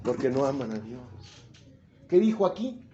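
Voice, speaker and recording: A man's voice: medium pitch, very animated, moderate pace, warm tone, slight background noise. A man with a Mexican accent preaching informally from the Bible, chatty and joking, asking his listeners questions. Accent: Mexican Spanish. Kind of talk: informal Bible teaching to a congregation. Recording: echoey room, slightly dull sound.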